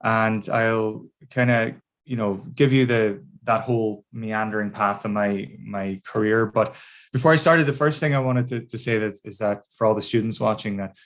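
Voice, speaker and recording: Middle-aged man, Donegal accent from Ireland's northwest, slightly low voice, thoughtful guest speaker explaining things informally on a video call. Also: steady tone, moderate pace. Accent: Donegal, northwest Irish. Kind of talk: informal career talk to students.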